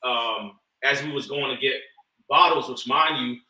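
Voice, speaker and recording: A man's voice: medium pitch, a little slow, bright, forceful tone, far from the mic. A man talking in loose casual chat, swearing and using many fillers. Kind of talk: casual storytelling. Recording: echoey room, off the mic.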